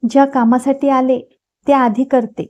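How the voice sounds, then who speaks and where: A woman's voice: high voice, little pitch movement, unhurried, a little mellow. A woman voicing a polite, cheerful young woman visiting a family. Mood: friendly. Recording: dull lo-fi recording.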